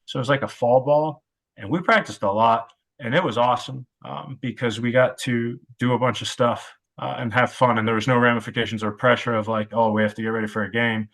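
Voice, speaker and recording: A man in his thirties, a football coach and podcast guest, speaking reflectively and haltingly with many filler sounds. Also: medium pitch, steady tone, a bit bright. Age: 30s. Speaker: wide receivers coach. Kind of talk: podcast interview.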